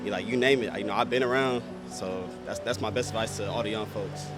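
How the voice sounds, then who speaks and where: A man's voice: lowish voice, fast, over music. A man in his late twenties from the United States, giving slangy, laid-back advice in a street interview. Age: 20s.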